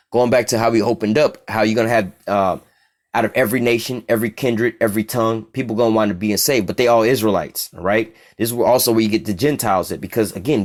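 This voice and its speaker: Speaking at a fairly low pitch with an American accent, a man from the United States delivers a casual, profane Bible lesson. He keeps checking in with "all right?".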